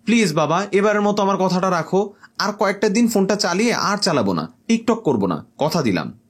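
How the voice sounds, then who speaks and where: A man's voice: high voice, very animated, brisk, slightly rough, voice pushed up, heavily acted. A man voicing a young male jinn who makes TikTok videos, talking in a petulant, bantering way in a storybook comedy.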